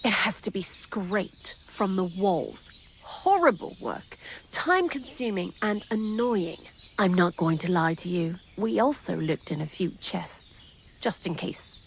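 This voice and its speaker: This actress has a gravelly, expressive voice of medium pitch and keeps a measured pace, with slight noise in the background. She voices the miller's accomplice in a game, a young female thief who is hiding out and full of dry, chatty remarks.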